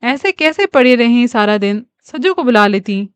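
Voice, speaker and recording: A woman reading the part of a caring young husband who speaks gently and with concern to his ailing mother. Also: on the high side, animated, clear, resonant tone, no room sound, close to an everyday voice. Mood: gentle.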